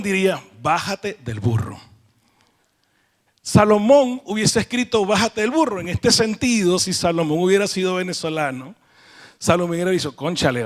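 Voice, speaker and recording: Lively high-voiced male preacher. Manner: animated, playful, acts out sayings. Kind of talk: sermon. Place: church.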